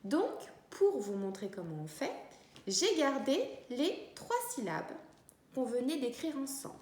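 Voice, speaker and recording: A woman teacher leads a lesson for young children, talking slowly and sounding out each syllable with care. Her fairly high voice rises and falls a lot. She is recorded in a room with a clear echo. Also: very animated, a little mellow. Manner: slow, clear teacher talk, stretching out syllables. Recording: echoey room.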